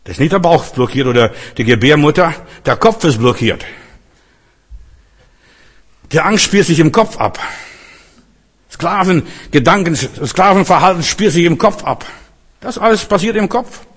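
A male preacher delivers a lively sermon. His voice sits slightly high for a man. Long hall reverb trails after each phrase. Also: unhurried, long pauses, husky. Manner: lively, rising and dropping, acts out quotes.

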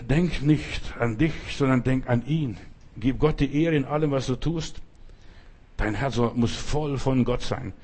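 A man's voice: mid-range voice, darkish tone. Older male preacher, emphatic, repetitive, direct address to the listener. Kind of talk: sermon.

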